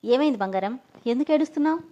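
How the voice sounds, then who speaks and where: A woman voicing a gentle, fond older uncle who advises his niece in a soothing, fatherly way. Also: extremely high pitch, animated, rapid-fire. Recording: dull lo-fi audio.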